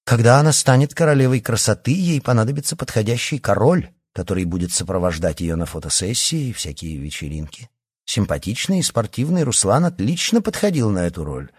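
A man's voice: on the low side, fairly quick, breathy edge, no room sound, clean studio sound. A man narrating a young-adult novel as an audiobook, reading expressively. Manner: expressive storytelling.

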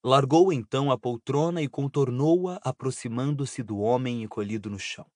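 A man's voice: medium pitch, moderate pace, darkish tone, dry recording. Man narrating an audiobook, dry. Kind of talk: scripted narration.

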